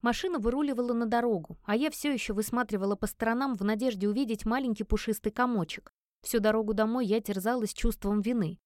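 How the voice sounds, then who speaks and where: A woman reading a first-person romance novel aloud as an audiobook narrator, with expressive, emotive storytelling. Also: fairly high pitch, quick pace, dry recording, studio quality.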